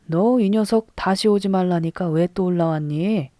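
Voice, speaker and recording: A woman's voice: on the low side, normal speed, dark tone, dry recording, clean studio sound, close to an everyday voice. A woman reading the part of a strict older male Buddhist abbot who lectures a young novice. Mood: stern. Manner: strict, admonishing.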